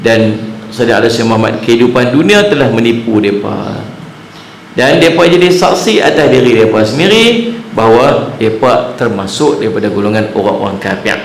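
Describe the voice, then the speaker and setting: A man's voice: mid-range voice, a little fast, vocal fry. A man gives a religious lecture to a live audience. He mixes humorous storytelling with recited Arabic verses. The sound carries in an echoey room. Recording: echoey room, faint ambient noise.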